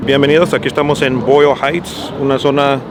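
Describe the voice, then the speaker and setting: Relaxed man from Los Angeles outdoors. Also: medium pitch, a little fast, crowd noise. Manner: relaxed, hesitant with fillers. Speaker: interviewee, photographer. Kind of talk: casual interview. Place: outdoors on a city street.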